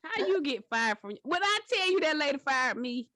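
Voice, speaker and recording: A woman hosting a casual podcast chat. Her voice is bright and lively, rising and falling a lot as she tells animated stories. The sound is dry and close. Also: high-pitched, moderate pace, no echo. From Georgia, US. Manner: animated, laughing storyteller. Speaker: podcast host.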